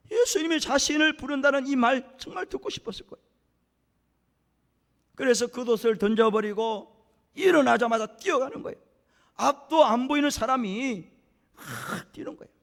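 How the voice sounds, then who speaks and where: In a reverberant church sanctuary, a male pastor with an extremely high, slightly bright voice preaches at a moderate pace. His intonation is lively and his pauses long as he dramatizes the story and asks the congregation rhetorical questions.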